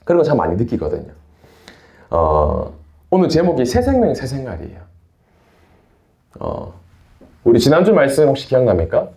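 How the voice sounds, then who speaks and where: A man's voice: medium pitch, wildly swooping pitch, moderate pace, creaky, long pauses, dark tone, echoey room. A young man from Busan with a Busan Gyeongsang accent, preaching to a youth group in a chatty storytelling way. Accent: Busan Gyeongsang dialect. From Busan, South Korea. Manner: chatty storytelling, refers to himself in third person. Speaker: youth pastor.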